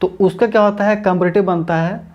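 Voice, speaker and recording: A man's voice: high-pitched, steady tone, fairly quick, lo-fi sound. Man teaching english grammar, repeating points. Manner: repeats points and addresses viewers as friends and brothers. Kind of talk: explanatory online lesson.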